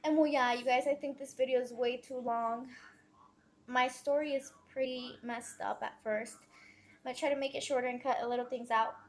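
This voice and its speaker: A pregnant teenage girl telling her story in a casual confessional vlog, rambling fast with many fillers and self-corrections. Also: high-pitched, fairly even intonation. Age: teens.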